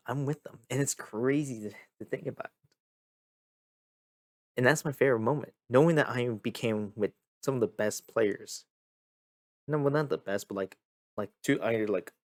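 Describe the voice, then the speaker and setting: A young man hosting a casual gaming vlog, tired and a bit monotone, rambling and repeating himself as he talks. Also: medium pitch, no echo, clean studio sound. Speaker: gaming video host. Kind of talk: casual talk to camera.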